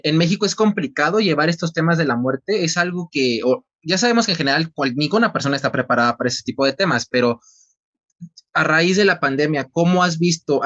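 A man's voice: a little high, fairly bright tone. A Mexican man hosting an interview, asking long questions with frequent restarts. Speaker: interview host. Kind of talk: casual podcast interview. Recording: slightly dull lo-fi sound.

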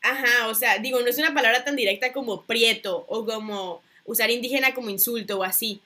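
A young adult woman co-hosting a podcast, speaking in a soft, thoughtful way in casual chat. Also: on the high side, brisk.

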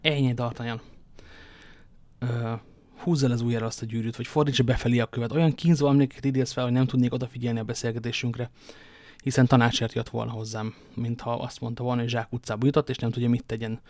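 A male reader playing a grave, fatherly nobleman in an audiobook. He speaks in a measured, somber way at a steady middle pitch and sometimes drops to a hush. The sound is dry and close. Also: no room sound, lightly acted.

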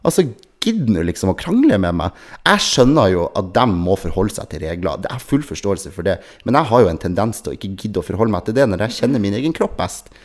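A man co-hosting a casual podcast, telling a rambling anecdote full of fillers and restarts and acting out the other people in it. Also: fairly low pitch. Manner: animated storyteller who acts out other people's voices. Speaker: podcast co-host.

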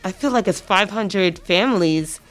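A woman's voice: mid-range voice, normal speed, soft background music. Woman guest explaining earnestly in an interview. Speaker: community volunteer, interview guest. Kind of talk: conversational interview answers.

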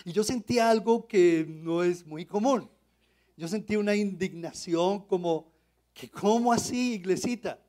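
A man's voice: high-pitched, a little mellow. A man, a pastor telling a personal testimony to his congregation, often asking them to agree. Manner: storytelling with rhetorical questions to the audience. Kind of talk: sermon testimony.

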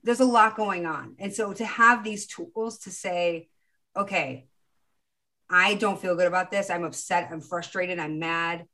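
A woman's voice: on the low side, fairly even intonation, a little slow, pushed and bright. A woman in her forties hosting a podcast, talking casually and encouragingly about a spiritual approach to life. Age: 40s. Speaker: podcast host. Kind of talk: casual spiritual coaching talk.

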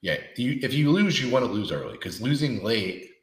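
A man's voice: medium pitch, very animated, recorded from a distance. A man co-hosting a podcast, steering the casual sports chat and prompting the others. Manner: steers the talk, quick to agree and prompt. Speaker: podcast co-host. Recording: roomy sound.

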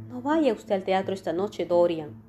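A woman voicing an earnest, wounded male painter who speaks gently and reproachfully in a storybook reading. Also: mid-range voice, animated, normal speed, soft background music, natural voice.

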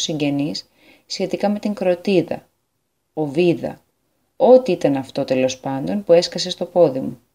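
A woman with a Greek accent reading a personal statement on a community radio news bulletin in an earnest, measured way. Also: low voice, warm tone.

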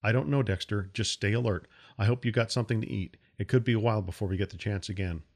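A man voicing a determined young woman who leads a ship's crew, giving brisk orders. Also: fairly low pitch. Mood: firm.

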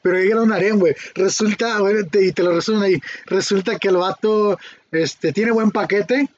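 A man's voice: sits high, moderate pace, lo-fi sound, slight background noise. A young man with a Mexican Spanish accent, chatting casually and laughing often with lots of slang. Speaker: podcast co-host. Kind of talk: casual chat.

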